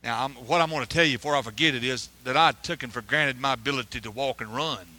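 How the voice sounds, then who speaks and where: A man preaching a folksy testimony sermon, rambling and colloquial, with sudden loud outbursts. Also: mid-range voice, fast talker.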